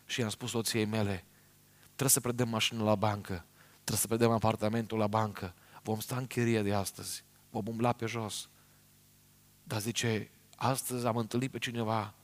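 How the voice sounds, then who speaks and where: A middle-aged man from Romania preaching a sermon, telling a story earnestly and speaking straight to his congregation. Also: mid-range voice.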